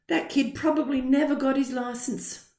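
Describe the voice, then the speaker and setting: A woman voicing a good-natured, talkative schoolboy friend in an audiobook story, eager and quick. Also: high-pitched, steady tone, darkish tone, roomy sound, distant mic, voice pushed up, lightly acted. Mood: gossipy.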